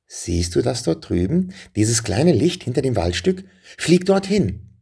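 A man voicing a brave, hopeful young boy riding a dragon in a storybook, with a gravelly voice and eager calls. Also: lowish voice, animated, normal speed, darkish tone, exaggerated voice. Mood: excited.

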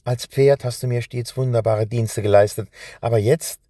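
A man voicing a young prince who hides in danger, speaking in hushed, urgent pleas in a storybook reading. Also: mid-range voice, fairly even intonation, moderate pace, no echo, studio quality, lightly acted. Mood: pleading. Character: young male prince, frightened but determined.

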